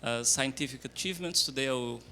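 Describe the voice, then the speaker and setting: Male session chair, bright tense voice, formal intro, slight hiss. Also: mid-range voice, fast.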